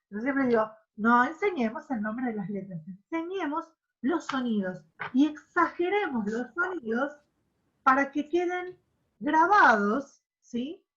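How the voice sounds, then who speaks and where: A woman's voice: high voice, lively intonation, normal speed, a bit bright, husky. A woman teacher with an Argentine Spanish accent, giving an online class and exaggerating syllables to demonstrate them. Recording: muffled lo-fi audio.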